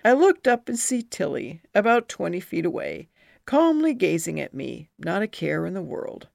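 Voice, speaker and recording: A middle-aged woman from New Jersey reads her own memoir aloud, slow and expressive, her voice jumping high at remembered feelings. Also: creaky, dry recording, studio quality. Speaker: memoir narrator. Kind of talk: first-person memoir reading.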